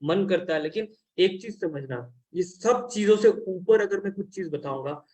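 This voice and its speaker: High-voiced blunt man coaching a team. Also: animated, normal speed, a little mellow. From India. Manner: blunt, scolding, mixes Hindi and English. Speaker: business consultant and trainer. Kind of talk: training session talk.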